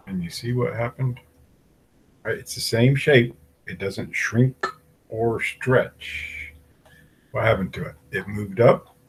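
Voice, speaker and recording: A man's voice: mid-range voice, darkish tone, husky, low-quality recording. A man teaching an algebra lesson, working through graphs step by step and asking the class questions aloud. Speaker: math teacher.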